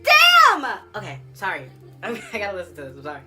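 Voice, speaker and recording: A man reacting to songs in his living room, gushing, swearing and shouting in bursts as the music plays. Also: on the high side, rapid-fire. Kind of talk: casual reaction commentary. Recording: loud music playing in the room. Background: loud music from a room speaker.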